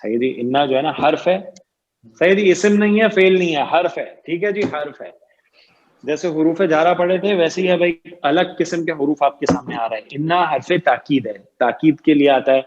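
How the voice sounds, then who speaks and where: Teaching Arabic grammar in an online class, this slightly high-voiced man lengthens key terms, keeps testing his students, and frequently says "ٹھیک ہے جی" and "صحیح ہے جی". His recording is muffled.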